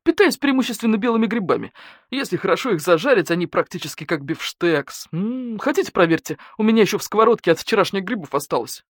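A woman voicing a rude, streetwise male wolf under suspicion, who snaps back in gruff slang. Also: medium pitch, lively intonation, quick pace, dry recording, studio quality, voice pushed up, close to an everyday voice. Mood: surly. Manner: gruff, snapping slangy talk.

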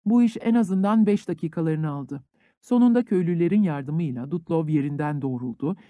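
A male audiobook narrator reads classic literature calmly and evenly at a fairly quick pace. His mellow, dark voice sits a little high and sounds dry and close-miked, with no room sound or echo.

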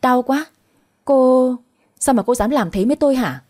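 A woman playing a shrill young wife, spiteful and whiny, raised pitch, mellow husky tone, storybook reading. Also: brisk. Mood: wailing. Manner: shrill, wailing complaints.

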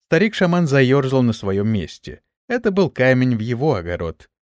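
A man narrates a fantasy audiobook in the first person with an expressive, animated delivery. His pitch moves with life, and the sound is dry and close to the mic. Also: moderate pace, dry recording.

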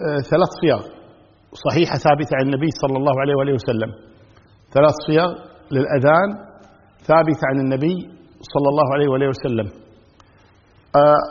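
A male scholar teaching a religious text in a measured lesson style, repeating key phrases and reciting formulas. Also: fairly high pitch, slightly rough. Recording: dull lo-fi audio with long reverb.

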